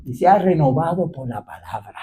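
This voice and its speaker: A man's voice: a little high, brisk, very noisy. A male pastor preaching a fiery sermon at a church gathering, questioning the crowd and calling out hallelujah. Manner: animated, exclaiming hallelujah, questioning the congregation.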